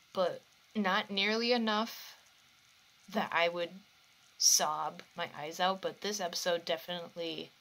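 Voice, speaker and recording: Woman vlogger, candid and self-correcting, unhurried delivery, bright tone, phone mic. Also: fairly low pitch, low-quality recording. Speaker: anime reaction YouTuber. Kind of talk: casual reaction commentary.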